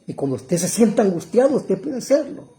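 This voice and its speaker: A middle-aged man preaching a fervent sermon, calling listeners brother and rising to loud cries. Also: sits high, sing-song, fairly quick. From El Salvador.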